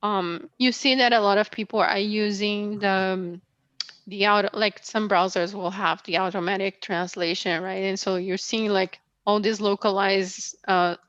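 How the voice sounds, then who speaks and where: A Brazilian woman, a guest speaker whose first language is Portuguese, takes questions after her talk, answering casually and hesitantly with lots of fillers. Her mid-range voice is steady, fairly bright and clean, at a normal pace. There's no room sound, though the audio is lo-fi.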